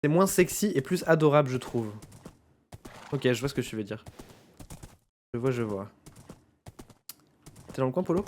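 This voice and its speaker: A young man with a French accent talks casually over a game stream, wandering through his thoughts with fillers. His voice sits at an average pitch for a man. Faint noise and clicks sit behind him. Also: lively intonation, moderate pace, long pauses. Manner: chatty, rambling with fillers. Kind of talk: casual gaming chat.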